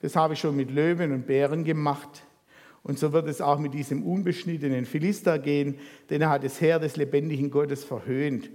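A man preaching, retelling a Bible story and putting lively questions to the congregation. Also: on the high side, fairly quick. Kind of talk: sermon reading and retelling scripture. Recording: reverberant hall.

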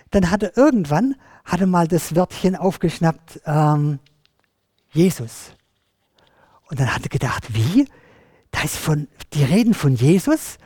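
Children's Bible storyteller, animated, addresses listeners, dry recording. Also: mid-range voice, no echo. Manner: animated, addresses listeners directly, many restarts.

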